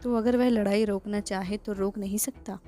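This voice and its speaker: A woman's voice: mid-range voice, fairly even intonation, moderate pace, mellow, lightly acted. A woman voicing an earnest young man in an audiobook, arguing patiently for unity. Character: young male villager pleading for unity, earnest.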